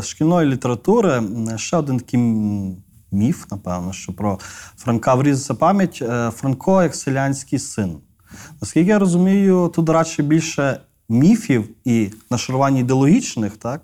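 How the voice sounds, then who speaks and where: A man's voice: medium pitch, lively intonation, normal speed, mellow. A man hosting an interview, asking questions conversationally and often echoing or finishing the guest's phrases. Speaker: interviewer host.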